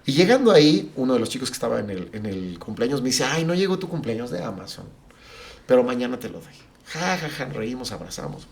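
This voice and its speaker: Pastor telling a lively story. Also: male voice, mid-range voice, a little fast, vocal fry. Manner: animated, acts out the dialogue of family and friends. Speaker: pastor, podcast guest. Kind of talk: personal storytelling in a podcast interview.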